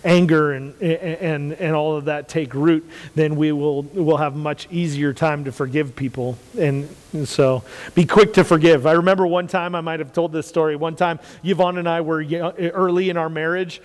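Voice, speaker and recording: Speaking in a steady tone at normal speed, this man from the United States is a pastor giving earnest, casual talk about faith, repeating phrases to drive points home. His big, carrying voice sits a touch above typical male pitch, and the recording rings with long room reverb.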